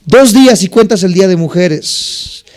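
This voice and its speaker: High-voiced pastor preaching. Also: male voice, lively intonation, normal speed, darkish tone. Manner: preaching with rhetorical questions and anecdotes. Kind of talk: sermon.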